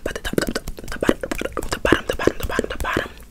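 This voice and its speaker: A young woman doing an ASMR whispered role-play in a breathy whisper with wet mouth sounds, rapidly repeating words close to the mic in a room at home. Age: young adult. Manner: whispers with rapid repetition of words and trigger phrases. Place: small indoor room at home.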